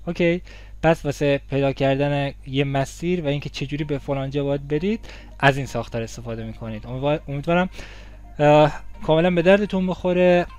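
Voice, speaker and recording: A man teaching an English lesson in Persian, slowing down to model pronunciation and repeating phrases. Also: fairly high pitch, steady tone, darkish tone, clear, resonant tone. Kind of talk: language lesson.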